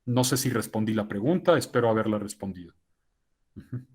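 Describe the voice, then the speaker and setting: A man giving a lecture to teachers, explaining points in a measured way and often tagging sentences with "¿no?". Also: fairly low pitch, a little mellow, husky. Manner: measured and explanatory, with frequent "¿no?" tags. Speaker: guest lecturer speaking to teachers. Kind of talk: lecture answering a question.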